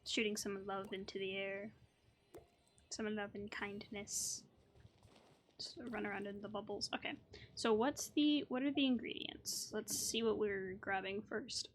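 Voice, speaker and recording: A woman hosts a gaming video, thinking aloud in casual, chatty commentary while light video game music plays behind her voice. She speaks a little slowly in a steady, mid-range voice, with a little hiss or hum on the recording.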